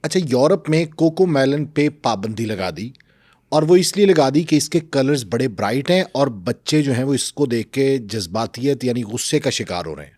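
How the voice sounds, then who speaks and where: A man hosting a talk show who puts his questions in a calm, steady voice of medium pitch. The sound is dry and close. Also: no room sound. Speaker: host.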